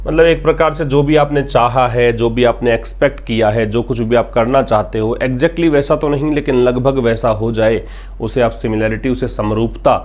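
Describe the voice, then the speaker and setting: A man's voice: mid-range voice, darkish tone. Man teaching English vocabulary. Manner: explains patiently, repeats key words, asks and answers his own questions. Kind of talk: vocabulary lesson explaining a newspaper article.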